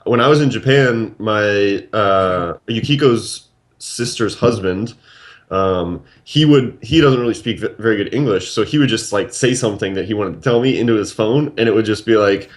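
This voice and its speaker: A man with a low voice in casual panel chat. He talks calmly and reasons things out step by step. He often backs up his points with examples. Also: normal speed. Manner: calm, reasoning, explains with examples. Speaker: podcast co-host.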